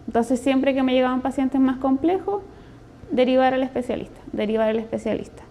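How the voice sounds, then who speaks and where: Mellow-voiced Chilean woman dentist. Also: sits high, brisk. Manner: earnest, explanatory, conversational. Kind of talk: testimonial interview.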